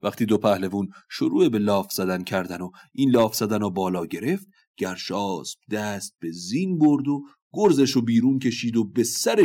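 A man retelling an old epic tale in prose, narrating in a steady, measured way. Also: lowish voice. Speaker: storyteller.

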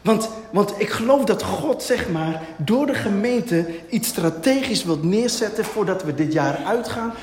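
A man preaching a sermon, asking and answering his own questions in a lively way. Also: sits high. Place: church hall. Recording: echoey hall, long reverb.

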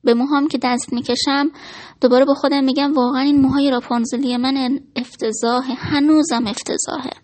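A woman narrating a first-person story in a reflective, expressive reading. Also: sits high.

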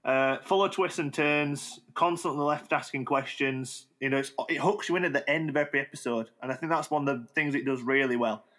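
A man's voice: mid-range voice, brisk, hardly any pauses, fairly bright tone. A man chatting casually with friends, earnestly recommending a show. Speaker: podcast co-host. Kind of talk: casual chat.

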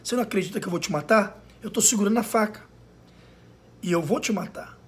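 A steady, stern husband speaks forcefully in a sermon story, as a pastor plays him. His voice stays high and firm. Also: fast talker, husky. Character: calm husband, adult man, steady.

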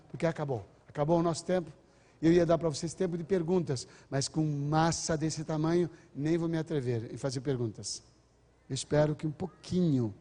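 A man's voice: on the high side, dark tone. An older man giving a lecture on parenting to a large audience, earnest and acting out exchanges between parents and children. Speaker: speaker on parenting. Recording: long hall reverb.

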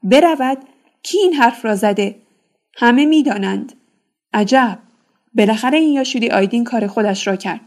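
A woman's voice: fairly high pitch, expressive, pauses often, darkish tone. A woman reading a novel aloud, voicing a desert tribesman who questions a weary boy. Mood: brooding.

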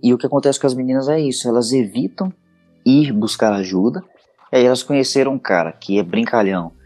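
Husky, animated Brazilian man storyteller. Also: medium pitch, fairly quick, soft background music. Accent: Brazilian Portuguese. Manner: animated storyteller acting out scenes. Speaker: podcast guest, intimate audio creator. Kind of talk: casual podcast conversation.

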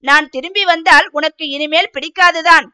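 A woman voicing a fiery, jealous young village woman, taunting and sharp-tongued. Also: extremely high pitch, normal speed. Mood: jealous scolding.

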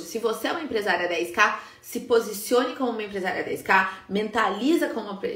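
A woman, a business coach giving an animated live-stream talk to party decorators, often tagging her sentences with "né?". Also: medium pitch, reverberant. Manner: animated, emphatic, frequent "né?" tags.

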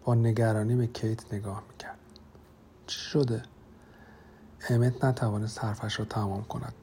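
A man narrating an audiobook in a measured, dramatic storytelling manner. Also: medium pitch, warm tone, slight background noise.

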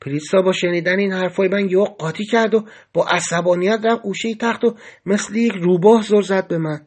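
High-voiced man narrating a story. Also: steady tone. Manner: reflective, storytelling. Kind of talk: first-person audiobook narration.

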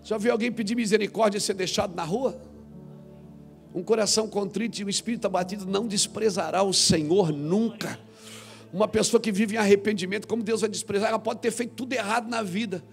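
A man preaching a sermon as pastor, with dramatic swings from loud shouts to low murmurs. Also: quick pace, gravelly, soft background music.

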